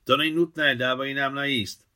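A man voicing a flustered, red-haired nineteen-year-old army courier who rattles off his words loudly and stiffly. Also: mid-range voice, fairly even intonation, voice pushed up.

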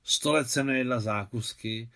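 A man reading the lines of a gentle, wealthy woman benefactor in a novel, softly and measuredly. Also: mid-range voice, close to an everyday voice. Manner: soft, measured.

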